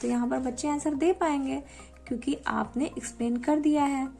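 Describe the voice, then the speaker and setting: A young woman training to teach, walking viewers through a lesson plan in an explanatory tutorial style and reading quoted English lines slowly and deliberately. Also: sits high, steady tone, vocal fry, mellow, soft background music. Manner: explanatory, addresses viewers directly. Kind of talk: spoken tutorial walkthrough.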